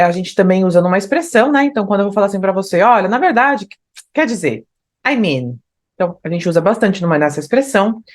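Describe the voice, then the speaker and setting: Brazilian female English teacher, patient and explanatory, mid-range voice. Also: mid-range voice. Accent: Brazilian Portuguese. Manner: explanatory, tags phrases with "né?"; slows down to read lyrics aloud. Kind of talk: online language lesson.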